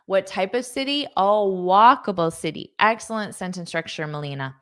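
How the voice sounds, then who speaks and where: A woman's voice: mid-range voice, normal speed, fairly bright tone, clear, resonant tone. A woman teaching English in a live online lesson, reading out viewer comments, repeating words patiently and praising students.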